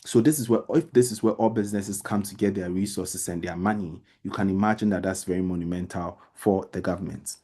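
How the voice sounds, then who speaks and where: Low, mellow-voiced man giving an informal lecture. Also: steady tone, a little fast, few pauses. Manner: repeats words and phrases for emphasis; addresses listeners directly with everyday examples. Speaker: debate trainer and lecturer.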